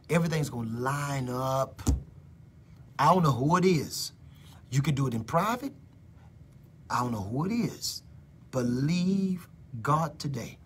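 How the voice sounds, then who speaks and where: A middle-aged man preaching prophecy live over his phone, repeating phrases and swinging between loud declarations and whispers. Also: on the high side, breathy edge.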